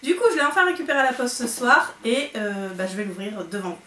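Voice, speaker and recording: A young woman chatting excitedly through an unboxing vlog, with lots of fillers. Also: a little high, fast talker, reverberant, far from the mic, a little hiss or hum. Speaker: book vlogger.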